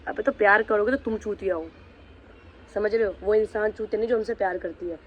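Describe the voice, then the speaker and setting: A man's voice: high voice, fairly even intonation, fairly quick, dull audio, a little hiss or hum. A man vlogging, angrily confronting someone directly and threatening to reveal the truth about them. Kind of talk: angry vlog rant.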